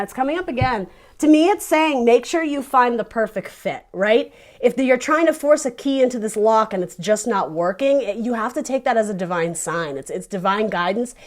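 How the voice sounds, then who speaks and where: A woman giving a casual tarot reading, chatty and animated, restarting her sentences and laughing between thoughts. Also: medium pitch. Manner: laughs often while talking. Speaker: tarot reader.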